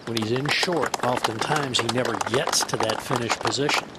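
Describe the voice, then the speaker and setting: A man works as a golf analyst, explaining play in an informal, conversational way. His voice is mid-range, with loud outdoor ambience behind it. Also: medium pitch, steady tone, moderate pace. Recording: outdoor broadcast with loud background noise.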